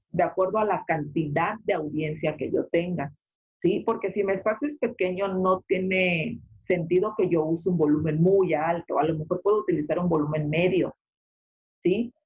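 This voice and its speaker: A secondary school teacher gives an online class lecture, explaining step by step and often filling pauses with "este" and checking in with "¿ok?". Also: medium pitch, breathy edge. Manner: explanatory, frequent filler "este" and check-ins like "¿ok?". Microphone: video call. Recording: muffled video-call audio.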